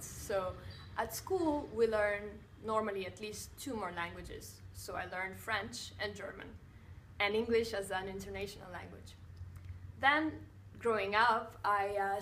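A woman in her twenties from Italian-speaking Switzerland, whose first languages are Italian and Russian, works as a blogger and TV presenter. Seated in a chair in a bright room with a wooden floor, she answers fan questions to a camera a few feet away, composed and measured, with small filler pauses and slightly non-native phrasing. Her mid-range voice is fairly bright, with a little hiss or hum.

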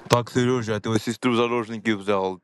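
A man's voice: fairly low pitch, steady tone, fast talker, clear, resonant tone, close to an everyday voice. A man playing a menacing kidnapper issuing demands in a comic skit.

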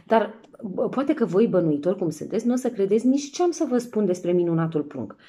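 A woman reading a classic tale aloud, playfully acting out the characters' shouts and sayings. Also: mid-range voice, breathy edge. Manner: lively, playful, acts out voices and exclamations. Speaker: actress reading a book aloud. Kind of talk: expressive storybook reading.

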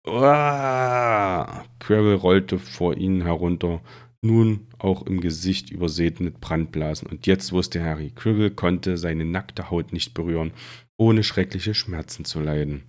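A man reading a fantasy novel aloud in a steady, dramatic storytelling manner. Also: sits low. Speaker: reader.

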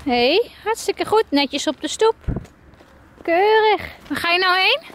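Very high-voiced young mother vlogging. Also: lively intonation, a little slow, a bit bright, a little hiss or hum. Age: 20s. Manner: coaxing, sing-song talk to a toddler, laughing often. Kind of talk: casual family vlog. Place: at home and outdoors on the street.

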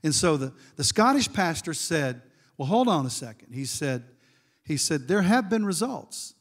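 A man's voice: fairly high pitch, big pitch swings, normal speed, husky. A middle-aged man giving a sermon as guest preacher, telling a story with asides to the congregation.

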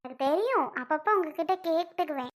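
A woman playing a young wife who talks softly and politely to her husband, in a family drama skit. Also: sits high, lively intonation, fairly quick. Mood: gentle. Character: young wife, gentle and dutiful.

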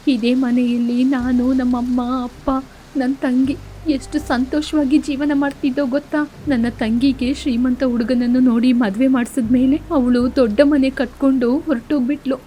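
A woman's voice: sits high, level tone, moderate pace, dark tone, a little hiss or hum, lightly acted. A woman voicing a proud, poor young mother who pleads tearfully in a cartoon story. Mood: grieving.

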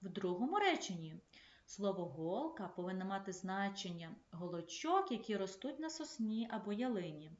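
A woman primary school teacher giving a remote lesson, speaking in clear, measured instructions to young pupils. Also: medium pitch, sing-song. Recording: echoey, slightly dull room recording.

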